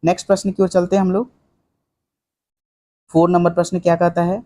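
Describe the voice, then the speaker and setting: This young male teacher speaks quickly in a high, level, dark-toned voice as he goes through quiz questions for exam prep. His style is conversational, filled with "ठीक है," sprinkled with English, and full of rhetorical questions to students.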